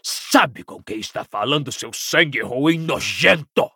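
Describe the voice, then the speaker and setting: A man voicing a coarse, hostile old father in an audiobook, snarling and mocking in slow, menacing speech. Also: fairly high pitch, expressive, bright, forceful tone, slightly rough, no echo, clean studio sound, exaggerated voice. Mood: contemptuous.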